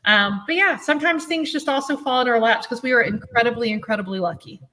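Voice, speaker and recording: A woman who directs a convention chats casually in an interview, laughing easily and often. She talks fast in a fairly high, bright, forceful voice, with a little hiss or hum in the recording.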